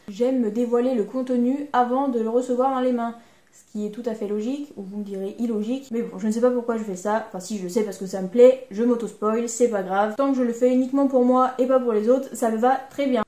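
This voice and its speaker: A woman's voice: a little high, warm tone. Chatty French woman in an echoey room. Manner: chatty, self-mocking storytelling. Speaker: sewing vlogger. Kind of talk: casual vlog narration.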